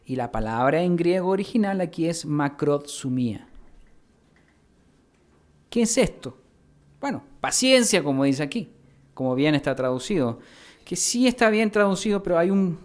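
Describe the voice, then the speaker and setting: A man from Mexico, a pastor preaching a teaching sermon, spelling out words slowly and putting questions to his congregation. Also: a little high. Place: church hall.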